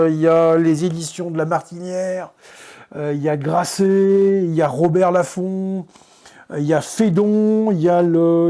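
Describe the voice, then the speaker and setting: A photographer presenting his photo books in a casual show-and-tell, hesitant, with many fillers and restarts, often trailing off softly. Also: on the high side, smooth. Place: indoors at his book shelves.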